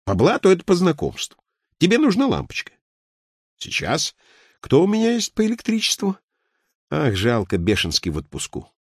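A man voicing a cheerful, boastful red-haired wheeler-dealer who brags in an excitable, drawn-out way. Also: a little high, slightly rough, no room sound, clean studio sound, voice pushed up, heavily acted.

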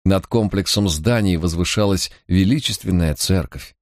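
A man reading an audiobook in a measured first-person narration. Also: low-pitched, a little mellow, dry recording, studio quality.

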